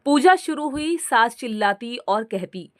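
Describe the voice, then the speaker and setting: A woman narrating a family story in scripted, slow storytelling. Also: fairly high pitch, animated, no echo, studio quality.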